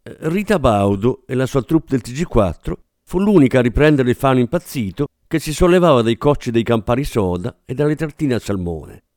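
Male audiobook narrator, lively and varied intonation, dramatic delivery, dry close recording. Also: medium pitch, brisk, few pauses, no room sound. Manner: expressive, dramatic, does character voices.

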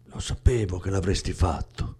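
A man voicing a weary, resigned man leaving his lover, speaking tired and low-key. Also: animated, moderate pace, warm tone, slightly rough, full character voice.

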